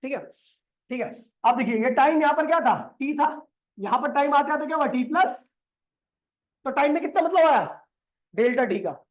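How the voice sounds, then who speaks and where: A man's voice: extremely high pitch, lively intonation, moderate pace, long pauses. A male physics teacher explaining step by step on a board. He keeps asking questions and answering them himself, repeats key steps and mixes in English terms.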